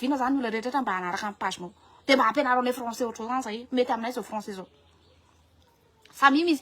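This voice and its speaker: Animated high-voiced Malagasy woman. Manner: animated, switching between French and Malagasy, many restarts. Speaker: vlogger. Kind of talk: casual monologue.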